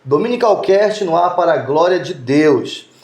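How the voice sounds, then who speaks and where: Upbeat male podcast host with a high voice, recorded in an echoey room. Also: expressive, darkish tone, slight background noise. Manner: upbeat and chatty, drawn-out greetings.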